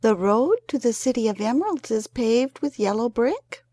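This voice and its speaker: A woman reading a storybook and voicing a kindly little old female witch with a slow, breathy, solemn way of speaking. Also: on the high side, big pitch swings, mellow, dry recording, studio quality.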